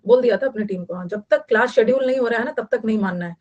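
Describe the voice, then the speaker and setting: Brief: woman teacher, fairly high voice, chatty online lecture, repeats words for note-taking. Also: very fast, darkish tone, dull audio. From Bihar, India. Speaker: vocabulary teacher.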